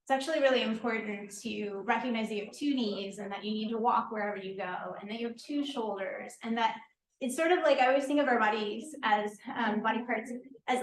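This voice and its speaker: A woman who works as a lymphatic therapist and holistic healer, giving an informal, earnest workshop lecture that is full of fillers. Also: fairly high pitch. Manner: chatty and earnest, with frequent fillers. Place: event space at a market and deli. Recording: echoey room with faint background ambience.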